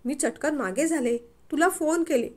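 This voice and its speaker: A woman playing a gentle, frightened young woman. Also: high-pitched, a little slow. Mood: shaken.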